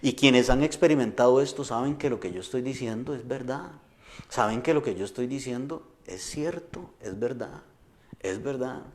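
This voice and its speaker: A man's voice: mid-range voice, normal speed, a little mellow. Man, middle-aged, pastor, sermon, earnest, conversational, stumbles and restarts.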